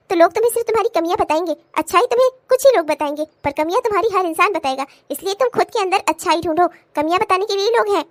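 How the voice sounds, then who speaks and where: A woman's voice: very high-pitched, no room sound. A woman voicing a stern older mother-in-law and grandmother in a cartoon comedy, scolding and lecturing. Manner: scolding, then lecturing in a slow preachy way.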